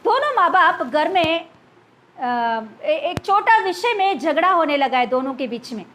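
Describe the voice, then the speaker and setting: A woman pastor gives a story-driven sermon with a very high voice. She tells her stories in an animated way and keeps dropping in hallelujahs. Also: unhurried.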